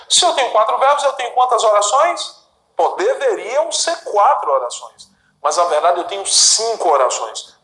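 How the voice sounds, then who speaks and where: Chatty Brazilian teacher, roomy studio echo. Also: male voice, on the high side, a bit bright. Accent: Brazilian Portuguese. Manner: chatty and emphatic, dotted with "olha" and "né?" asides. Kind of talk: recorded exam-prep grammar lesson. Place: studio with a director watching.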